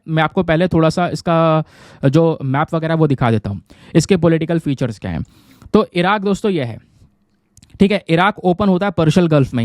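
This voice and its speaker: A man explains current affairs to exam students in a chatty, conversational way, frequently checking in with his viewers. His voice is fairly high with a darkish tone, recorded dry and clean in a studio.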